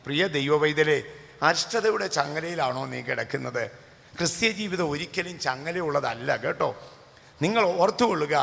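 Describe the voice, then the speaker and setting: A man preaches a Pentecostal sermon in a high, bright voice with a gravelly edge. He tells homely stories and then lifts into shouted calls to the congregation. The long reverb of a church hall rings behind him. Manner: storytelling, swings to shouted calls for hallelujah. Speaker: pastor.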